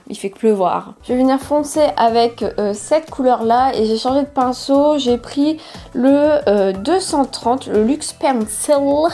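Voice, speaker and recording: A woman's voice: on the high side, dark tone. A young woman chatting casually and enthusiastically while walking through a makeup tutorial as a beauty vlogger. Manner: chatty, enthusiastic about colors.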